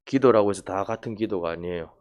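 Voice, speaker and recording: A middle-aged pastor delivers a casual, conversational sermon at a Wednesday prayer meeting, frequently putting questions to the congregation. His voice is lowish and he talks fast. The highs are cut off in the audio.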